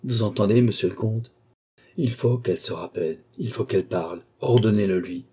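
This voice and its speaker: A man's voice: lowish voice, normal speed, warm tone, husky. A man voicing an anxious young nobleman who presses his sister with urgent questions in an audiobook reading.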